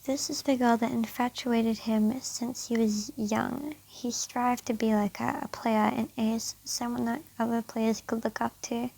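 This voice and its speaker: A woman's voice: fairly high pitch, steady tone, a little slow, gravelly, hardly any pauses, a little mellow, low-quality recording. A woman reading fan fiction aloud on her channel with a sore throat, often stumbling and rereading phrases.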